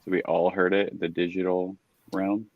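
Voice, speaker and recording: A calm man with a low voice speaks in a casual livestream conversation. His call audio is dull and dry, and he talks in a plain, matter-of-fact way. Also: moderate pace, no echo. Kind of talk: casual group chat on a livestream. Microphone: headphones on a call.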